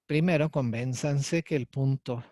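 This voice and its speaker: A man's voice: mid-range voice, unhurried, warm tone, no room sound, clean studio sound. A man, a university lecturer explaining a physics lesson to students and checking in with them often. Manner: explanatory, addresses students directly with frequent "¿sí?" and "ok". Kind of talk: recorded lecture.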